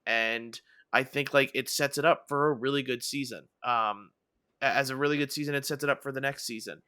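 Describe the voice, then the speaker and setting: Podcast co-host, man, bright and forceful tone, dry close sound, talks in loose rambling runs. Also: medium pitch, steady tone, fairly quick, smooth, no echo. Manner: rambling, many fillers and restarts. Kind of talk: casual chat.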